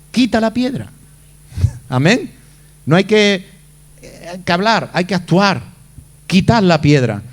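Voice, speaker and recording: Male pastor, high voice, dramatic sermon delivery. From Spain. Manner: dramatic, acts out the Bible figures' lines.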